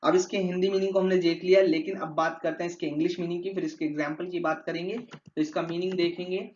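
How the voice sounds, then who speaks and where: A man's voice: sits high, level tone, fast, a little mellow. A man teaching an exam vocabulary lesson, explaining step by step and repeating key words, mixing in English phrases. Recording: dull lo-fi sound.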